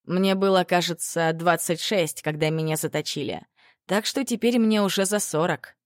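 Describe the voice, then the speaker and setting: A woman reading a calm, teasing male dark lord who speaks with quiet assurance, in a dry close recording. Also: fairly low pitch, moderate pace, no room sound, natural voice. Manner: teasing, gently smirking.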